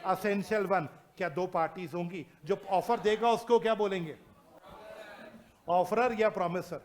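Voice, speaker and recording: In a lively lecture that blends Hindi and English, this high-voiced man teaching a class keeps questioning his students and slowly reads out legal definitions.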